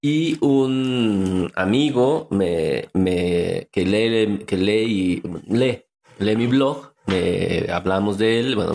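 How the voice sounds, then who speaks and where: Guy co-hosting a podcast, lowish voice, rambly, keeps restarting his sentences. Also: creaky, a little mellow. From Mexico City. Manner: rambling, self-interrupting, joking. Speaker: podcast co-host. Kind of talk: casual podcast chat.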